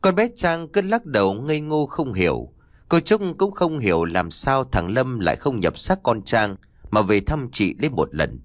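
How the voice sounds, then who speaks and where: Expressive male audiobook narrator. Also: mid-range voice, moderate pace, no room sound, studio quality. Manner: expressive, dramatic storytelling. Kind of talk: scripted story narration.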